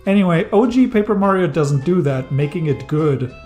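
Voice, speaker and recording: Faint music accompanies a thirty-year-old man narrating a scripted game retrospective in English, which isn't his first language. His slightly high, slightly mellow voice is expressive and moves at normal speed. As a game reviewer, he blends enthusiasm with wry, dry jokes.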